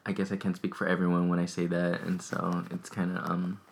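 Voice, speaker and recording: Low, gravelly young man chatting casually. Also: monotone, fairly quick. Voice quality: raspy. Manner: rambling, many fillers and restarts. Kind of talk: casual chat.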